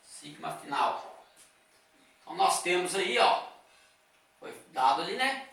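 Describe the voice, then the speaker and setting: Teacher, male, high pitch, bright edge, leisurely lecturing pace; recorded far off in a roomy, reverberant space. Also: very animated, unhurried, vocal fry. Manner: explains step by step, with frequent "tá?" and "ó" checks. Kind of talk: classroom lecture. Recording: echoey room, voice from a distance.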